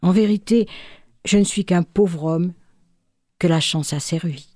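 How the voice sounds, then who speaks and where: A woman voicing a poor, humble vagabond merchant who confesses plainly, in a warm, dry storytelling voice. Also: on the low side, unhurried, no room sound. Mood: confessional.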